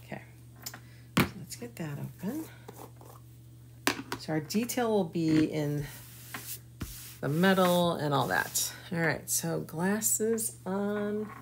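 Slow, gravelly-voiced woman crafter. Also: lowish voice, animated, background noise. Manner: chatty, folksy, talks to live viewers. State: hiccuping. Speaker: craft demonstrator. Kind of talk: live craft tutorial chat.

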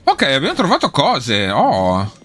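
A man's voice: mid-range voice, huge pitch swings, measured pace, a bit bright. A man giving casual let's play commentary, swearing and talking back at the enemies he fights. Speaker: gameplay streamer.

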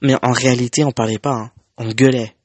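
A man's voice: medium pitch, steady tone, a little fast, no room sound. A young man telling a personal story in an emotional, conversational way, with many fillers and restarts. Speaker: vlogger.

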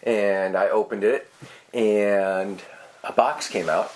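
A man's voice: lowish voice, fairly even intonation, slow. Rambling man talking whiskey. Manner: rambling, hesitant with many ums and restarts. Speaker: co-host. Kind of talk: casual whiskey tasting chat.

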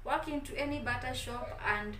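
A woman's voice: a little high, moderate pace, a bit bright, roomy sound, far from the mic, a little hiss or hum, low-quality recording. A young Kenyan woman with a Kenyan accent, chatting playfully to camera in a casual vlog and hyping up her viewers. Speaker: vlogger. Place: small indoor room, office and home.

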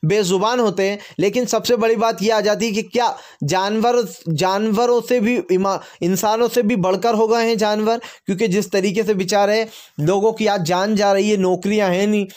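A man presenting a fast, emphatic, opinion-heavy news rundown, leaning on catchphrases and fillers. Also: sits high, fairly even intonation, darkish tone.

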